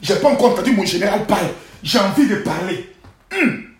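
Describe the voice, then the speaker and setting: Guy ranting live on his phone, highish voice, preachy loud bursts then mutters, roomy echo. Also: sing-song, a little fast. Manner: preachy, scolding rants with loud outbursts and sudden quiet asides. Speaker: livestream host. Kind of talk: live social-media monologue.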